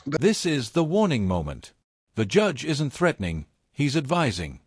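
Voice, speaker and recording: Lively, emphatic male commentary narrator. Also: mid-range voice, a little slow, slightly rough, no echo, studio quality. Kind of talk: scripted narration.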